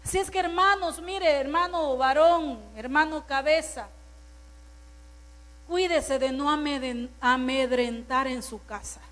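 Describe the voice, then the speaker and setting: A woman's voice: high voice, measured pace, fairly bright tone. A woman pastor preaching a sermon to her congregation, stressing word lists and turning to the listeners with asides.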